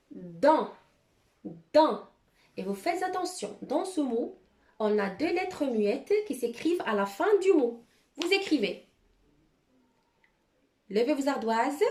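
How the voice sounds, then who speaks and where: A primary school teacher gives children a dictation lesson, sounding out every word with care and saying each one twice. Her voice sits fairly high and has a slightly mellow quality. The recording carries a roomy echo.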